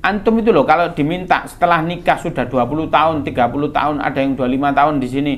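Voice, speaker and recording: A man's voice: fairly high pitch, quick pace. A male preacher, answering a question in a sermon with storytelling, often calling his listeners sir. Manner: storytelling, addresses listeners as Pak and antum.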